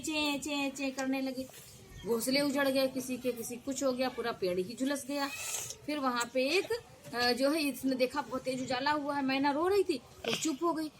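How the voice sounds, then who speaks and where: A woman telling a children's folk tale in an animated way, with sound effects and acted voices. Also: high-pitched, normal speed, slight background noise. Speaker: storyteller.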